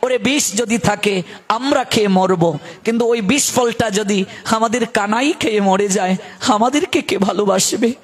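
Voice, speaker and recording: A man's voice: high-pitched, normal speed, slightly rough. A man voicing a group of playful cowherd boys who tease and coax their beloved friend affectionately. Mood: devoted.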